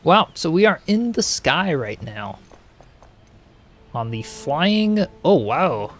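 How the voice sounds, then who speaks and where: Here a male streamer with a fairly high, very animated voice talks at a slow pace while reacting to builds. It's relaxed live-stream chatter, upbeat and packed with laughs and fillers.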